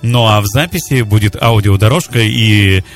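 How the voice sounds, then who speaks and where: A man with a lowish voice presents a live morning radio show. He speaks as a host on air, greeting and addressing his listeners over the radio, with music underneath. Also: moderate pace. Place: radio studio.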